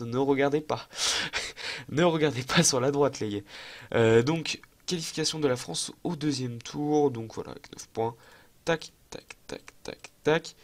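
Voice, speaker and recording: A young man, a gaming YouTuber, speaks in a medium-pitched voice while playing a football management game. His casual let's-play commentary is excitable and chatty, and he mocks himself as he thinks out loud.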